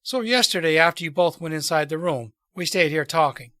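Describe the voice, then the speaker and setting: A man reading an earnest revolutionary plotter, bright-voiced. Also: on the high side, a little fast, no echo, studio quality. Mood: earnest, explaining. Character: earnest male revolutionary plotter persuading wary allies. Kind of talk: storybook character read aloud.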